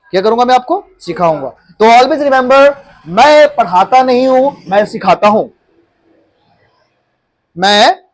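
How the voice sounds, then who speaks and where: A man, teaching a pronunciation class and often quizzing his students. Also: sits high. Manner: repeats words and quizzes students. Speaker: English teacher. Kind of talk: classroom lesson.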